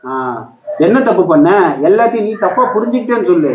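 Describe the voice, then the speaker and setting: A man's voice: sits high, animated, quick pace, reverberant, lo-fi sound, slight background noise. A man playing a young man who defends himself and pleads with his angry girlfriend in a comedy skit. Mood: pleading defensive. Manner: pleading, defensive, repeats questions. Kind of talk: comedy skit phone argument.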